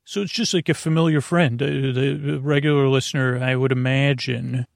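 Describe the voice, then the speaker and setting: Meant to send listeners off to sleep, the bedtime podcast features a creaky-voiced man at a medium pitch with fairly even intonation, rambling soothingly with hesitations, tangents and self-corrections. There's no echo, just clean studio sound.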